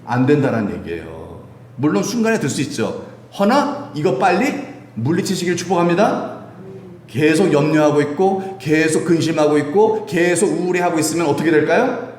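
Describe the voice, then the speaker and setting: A male pastor giving a sermon, animated and quizzing his congregation with questions. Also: on the high side, moderate pace. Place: church sanctuary. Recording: echoey church hall.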